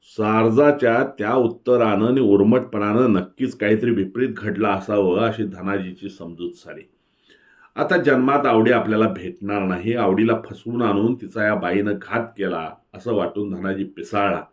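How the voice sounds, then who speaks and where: Male reader, low voice, dramatic novel narration with emphatic pauses. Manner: expressive storytelling, slow emphatic pauses.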